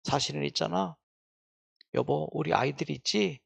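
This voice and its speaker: A sick woman falters as she starts a hard confession, her voice quiet and hesitant as a man telling the story puts her on. There is a rough, gravelly texture, and she trails off between phrases. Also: a little high, normal speed, no room sound, exaggerated voice.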